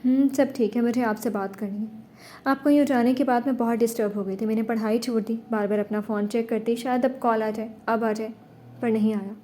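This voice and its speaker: A woman voicing a young woman who is tearful and hurt, then softens. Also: fairly high pitch, steady tone, natural voice.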